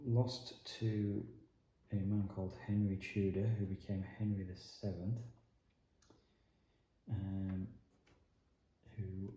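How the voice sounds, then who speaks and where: Sitting at a wooden dining table indoors, a man with a strong Yorkshire accent from Leeds in northern England chats in a low voice while working a jigsaw, relaxed and meandering, thinking aloud with plenty of ums. He hosts the jigsaw video off frame from a camera aimed at the table, and the recording is very echoey with slight hiss or hum.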